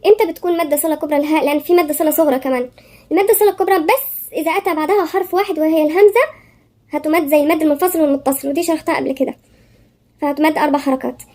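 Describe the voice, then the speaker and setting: A woman with an Egyptian Arabic accent teaching tajweed. She chants verses slowly, then explains each rule quickly, step by step. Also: high voice, warm tone. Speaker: Quran recitation teacher. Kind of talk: tajweed lesson.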